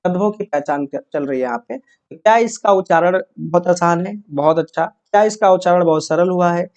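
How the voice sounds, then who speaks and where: In this exam-prep grammar class, the teacher asks and answers questions, hammers key points through repetition, and checks understanding with "है ना" and "yes or no". The voice is medium-pitched with a darkish tone at normal speed, and the high frequencies are cut off.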